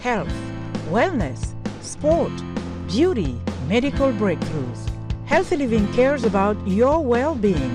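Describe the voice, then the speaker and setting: A woman's voice: a little high, very animated, takes it slowly. A woman host reading a scripted promo for her health show in an upbeat announcing manner. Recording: voice-over over loud guitar music.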